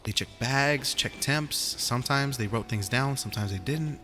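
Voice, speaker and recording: A man's voice: mid-range voice, normal speed, bright, forceful tone, soft background music, natural voice. A man playing a weary, wry young survivor in a first-person audio journal drama, hesitant, confiding and informal. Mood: somber, subdued. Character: young Filipino male zombie survivor, weary, wry, self-deprecating.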